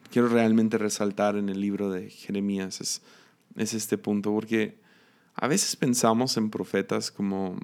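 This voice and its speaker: A man with a Mexican accent gives a relaxed, conversational sermon. His voice sits a little low and has a gravelly edge. He talks reflectively, with casual fillers. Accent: Mexican Spanish. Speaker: preacher.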